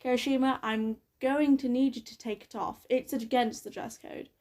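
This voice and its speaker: A woman's voice: fairly high pitch, steady tone, moderate pace, darkish tone, natural voice. A woman voicing an ever-tired, strict male teacher who speaks wearily and sternly. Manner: weary, stern.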